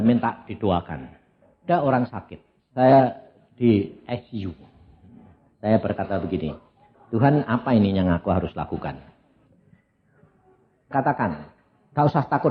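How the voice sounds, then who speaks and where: An elderly man with a Javanese accent, preaching a sermon through humorous personal stories, often turning to address his listeners. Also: medium pitch. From Central Java, Indonesia. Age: elderly, around 80. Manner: anecdotal, humorous, addresses audience as "saudara". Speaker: evangelist preacher. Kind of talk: storytelling sermon. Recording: dull lo-fi sermon recording.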